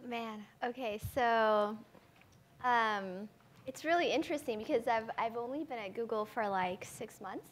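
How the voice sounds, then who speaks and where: A woman's voice: on the high side, a little slow, a little hiss or hum. A woman from Ethiopia speaking as a panelist at a conference forum, thinking aloud with many fillers and restarts and ending points with "right?". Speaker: panelist, AI researcher. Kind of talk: conversational panel talk.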